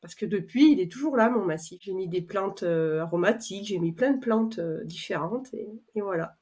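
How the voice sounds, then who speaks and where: A middle-aged French woman telling her own story in a chatty, animated way, acting out conversations with many fillers. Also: mid-range voice, moderate pace. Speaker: customer testimonial speaker. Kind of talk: personal testimony, casual storytelling.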